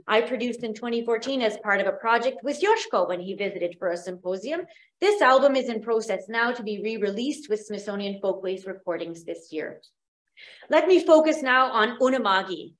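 A woman from Western Canada, reading a conference lecture in a measured, prepared way. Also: a little high, fairly bright tone. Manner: measured, reads from prepared notes. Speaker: academic conference presenter. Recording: roomy, echoey room sound.

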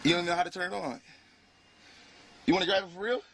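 A man's voice: high voice, fast talker, creaky. A young man bantering casually in a prank video, playful and often repeating himself. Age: young adult. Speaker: prankster husband. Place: inside a parked sports car. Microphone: handheld camera in the car. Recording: noisy car interior with vehicle sound.

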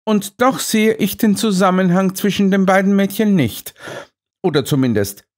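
A man voicing a sharp, aloof detective who speaks dryly and curtly in an audiobook. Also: high-pitched, normal speed, voice pushed up, natural voice. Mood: cool, dry. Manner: dry, detached, curt.

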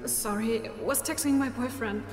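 An actress playing a distracted, breezy older teenage sister who talks offhandedly. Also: female voice, fairly high pitch, normal speed, lightly acted. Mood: offhand. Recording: reverberant game audio with music.

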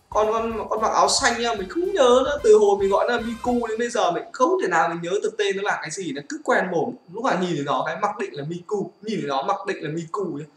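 Chatty gamer, echoey. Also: male voice, sits high. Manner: chatty, often asks "right, guys?". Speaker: mobile game YouTuber. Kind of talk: casual gameplay commentary. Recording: echoey room with game music.

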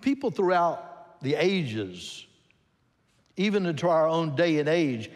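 An older man, a pastor, preaching a sermon from a pulpit in a large church, expressive and emphatic. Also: on the high side, slow pace. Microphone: pulpit microphone. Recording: long church hall reverb.

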